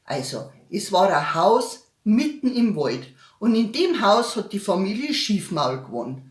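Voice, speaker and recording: Slow, lively Bavarian woman comedian. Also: medium pitch, reverberant. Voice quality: lively dialect storyteller. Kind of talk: telling a joke at home. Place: at home.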